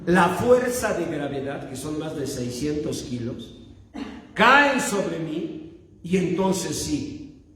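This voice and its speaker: A middle-aged Mexican pastor with a fairly high voice spins a comic, self-deprecating story from the pulpit. His voice rings through a large hall and trails off in long reverb. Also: takes it slowly. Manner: animated, self-mocking storyteller. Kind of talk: humorous sermon storytelling.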